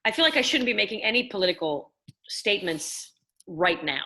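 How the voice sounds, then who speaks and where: A woman's voice: mid-range voice, sing-song, a little fast, sharp tone. A tipsy woman hosting a live stream, rambling and questioning herself with slightly slurred speech, recorded indoors on a laptop or phone mic. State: tipsy from wine. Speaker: host.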